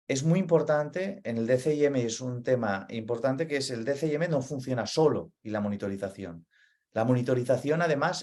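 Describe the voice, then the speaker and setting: A medium-pitched, slightly mellow male voice with a Spain Spanish accent walks through data center operations for a webinar. He's earnest, goes over his main points more than once, and drops in frequent "vale?" check-ins.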